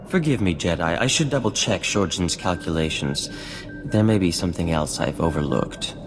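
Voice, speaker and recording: In a video game cutscene, a male actor with a lowish voice plays a vain, refined scientist-inventor, delivering his lines in a formal, theatrical, florid manner. The recording has long reverb with music running beneath it.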